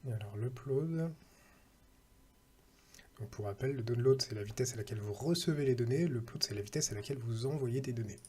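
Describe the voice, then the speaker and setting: A man's voice: mid-range voice, brisk, dark tone, a little hiss or hum. A man talking casually through a screen-recorded tech tutorial, thinking aloud and reading out numbers with hesitant fillers.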